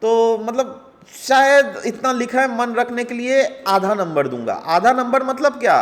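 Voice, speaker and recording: A man's voice: very high-pitched, animated, measured pace, a bit bright. Indian man teaching with a long reverb. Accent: Indian English. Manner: conversational, checks in often with "right?" and "है ना?". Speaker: geography teacher. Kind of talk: explanatory lesson in mixed Hindi and English.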